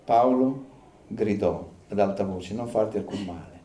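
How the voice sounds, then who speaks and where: A man preaching a sermon as pastor, rising now and then into loud, high bursts of fervor. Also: unhurried. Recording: echoey room, faint ambience.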